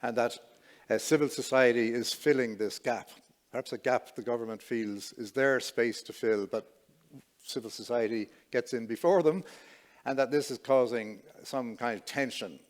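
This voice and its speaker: Halting man moderating a panel. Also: mid-range voice. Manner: hesitant, halting questions.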